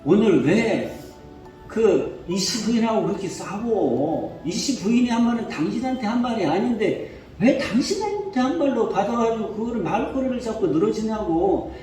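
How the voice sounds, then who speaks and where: A man voicing a patient, resigned middle-aged husband who speaks low and subdued, recorded from afar in an echoey hall. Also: sing-song, normal speed, warm tone. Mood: pleading. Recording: echoey church hall from far off, faint music.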